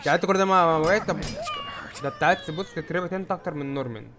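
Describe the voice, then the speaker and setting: A young man with an Egyptian Arabic accent giving let's-play commentary, jumpy and prone to sudden yelps and shouts when startled. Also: fairly high pitch, very fast, background noise. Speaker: gamer.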